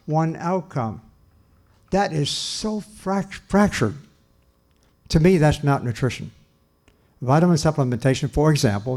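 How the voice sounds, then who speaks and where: Earnest older man lecturing, mellow voice. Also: on the high side. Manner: earnest, emphatic with repetitions and restarts. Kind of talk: public lecture. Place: church hall.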